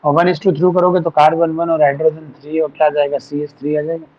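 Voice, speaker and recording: Here the man teaching chemistry online talks at a quick pace, his slightly high voice delivered flatly. He patiently takes students through formulas, using English terms along the way, over a dull lo-fi online-class recording.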